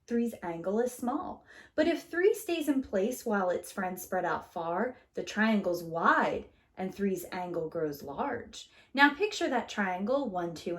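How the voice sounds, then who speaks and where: A woman who tells stories to preschoolers reads a picture book aloud with theatrical flair. Her pitch is highly animated, and she draws out key words for the little ones.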